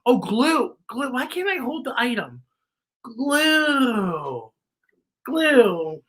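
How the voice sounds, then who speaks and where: Her voice is a little high, a bit bright, and full of big pitch swings, delivered extremely slowly. She's a woman hosting a playful children's story time, giggling theatrically while teaching letters and singing.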